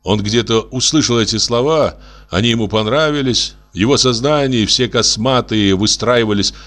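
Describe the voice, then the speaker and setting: A man reading a short story aloud as an audiobook narrator, with expressive storytelling. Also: medium pitch, normal speed. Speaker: audiobook reader.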